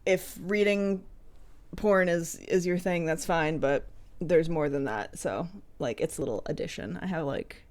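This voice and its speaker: A woman's voice: sits low, unhurried, a little mellow. Chatty woman co-hosting a casual podcast. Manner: chatty, laughs often, trails off mid-sentence. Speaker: podcast co-host. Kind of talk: casual chat.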